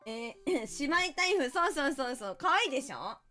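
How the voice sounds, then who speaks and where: High, lively playful woman streamer. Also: moderate pace, faint music behind. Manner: playful, teasing, mock-indignant. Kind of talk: casual game-stream chat.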